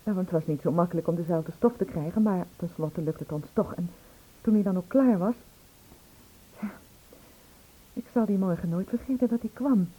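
A woman with a warm, husky, lowish voice speaks at a moderate pace, leaving long pauses. She is acting in a radio play as an anxious murder witness, hesitant and confiding. The recording sounds tinny and narrow-band, like old radio.

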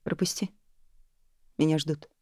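A woman voicing a calm, stubborn young man in an audiobook, speaking in short, cool lines. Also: measured pace, dry recording, clean studio sound, close to an everyday voice. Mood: firm. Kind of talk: audiobook character reading.

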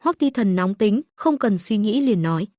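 A woman narrating a comic story in an even storytelling read. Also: mid-range voice, moderate pace, no room sound, studio quality.

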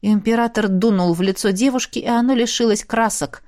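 A woman narrating a fantasy novel in an even, steady storytelling voice. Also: on the high side, fairly quick. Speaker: audiobook narrator.

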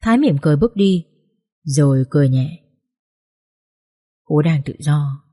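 A woman narrating a social drama audiobook in a steady, emotive storytelling manner. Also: deep voice, normal speed, slightly rough.

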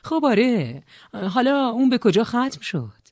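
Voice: mid-range voice, big pitch swings, darkish tone, no room sound, studio quality, voice pushed up. A narrator voicing a bitter, resentful young man, a former band drummer, who talks angrily and sarcastically in an audiobook. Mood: sarcastic. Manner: angry, sarcastic, raised voice. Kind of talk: audiobook character voice.

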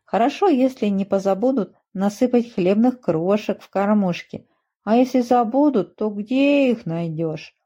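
A woman's voice: mid-range voice, expressive, a little slow, dark tone, pitched above the performer's own voice. A woman voicing a small worried bullfinch who pipes his answer. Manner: piping, worried. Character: squeaky little bullfinch bird. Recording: muffled dull recording.

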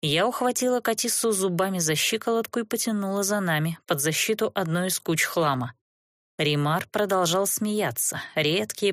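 A woman's voice: fairly low pitch, no echo, studio quality. Woman reading a fantasy audiobook. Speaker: audiobook narrator. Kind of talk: first-person fantasy audiobook narration.

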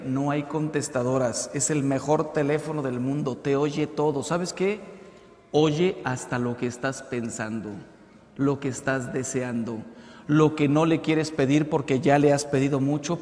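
A Mexican man in his fifties, a priest preaching with a lively delivery and acted-out voices in his jokes. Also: fairly high pitch, unhurried. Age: 50s. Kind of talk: preaching talk. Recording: echoey hall.

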